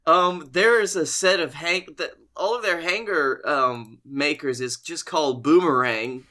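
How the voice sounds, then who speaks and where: On the high side, bright and forceful, an American-accented man speaks at a measured pace as a podcast co-host. He tells rambling comic stories in a casual, conversational chat, swearing freely along the way.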